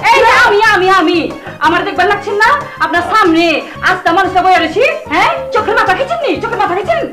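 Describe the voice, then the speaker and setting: An actress playing a quarrelsome young village wife who complains in rustic dialect and sobs melodramatically in a comic drama. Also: female voice, extremely high pitch, expressive, rapid-fire. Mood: scolding. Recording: echoey room with music.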